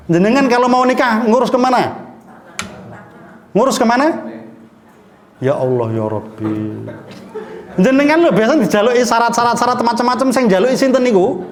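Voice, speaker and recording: A man with a Javanese accent preaching in a mosque, telling a story and putting questions to the congregation. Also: very high-pitched. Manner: lively, mixes in Javanese phrases, asks the congregation questions.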